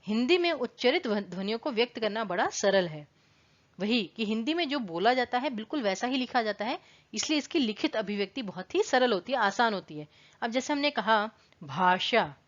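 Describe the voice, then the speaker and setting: A woman's voice: on the high side, fairly bright tone, highs cut off. A woman teaching an online exam-prep lesson, explaining patiently and repeating words to contrast their pronunciation. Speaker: Hindi teacher.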